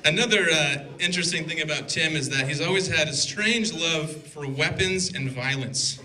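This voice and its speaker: A man in his twenties delivers a best man's toast at an indoor wedding reception, reading from notes into a handheld mic. His voice is fairly high, bright and forceful, at a moderate pace, with a dry, teasing delivery. Guests can be heard laughing in the background.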